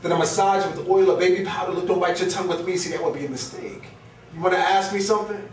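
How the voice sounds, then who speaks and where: Profane New Jersey poet bantering live. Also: male voice, sits high, fast talker, recorded from a distance, slight background noise. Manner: loose, joking banter with the crowd, profane. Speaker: spoken word poet. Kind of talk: live spoken word performance. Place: small brick-walled bar lounge, indoors. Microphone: stand mic, recorded by a far camera. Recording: roomy live bar sound from afar. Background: audience ambience and laughter.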